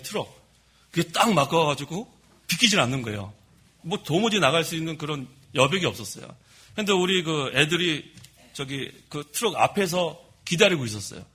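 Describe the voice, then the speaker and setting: A middle-aged man preaching a sermon from the pulpit of a church, telling stories about himself in a lively way. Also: on the high side, husky. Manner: lively storytelling, admits his own faults. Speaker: pastor. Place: church sanctuary.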